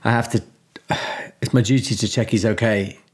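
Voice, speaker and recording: Man, tabletop player, in-character talk, hesitant, halting. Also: on the low side, fairly even intonation, husky. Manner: hesitant, many fillers and restarts. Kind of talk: tabletop role-play in character.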